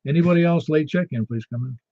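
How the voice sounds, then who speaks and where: A man's voice: on the high side, fast talker, dark tone. A man hosting a ham radio net in a chatty, informal, casual style. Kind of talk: casual net control chat. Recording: slightly dull, dry lo-fi audio.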